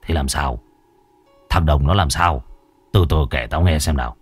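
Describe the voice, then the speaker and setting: A man doing a gruff old exorcist. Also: rumbling low, moderate pace, faint music behind, pitched below the performer's own voice. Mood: teasing. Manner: coarse, teasing. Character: gruff old male exorcist, teasing and blunt.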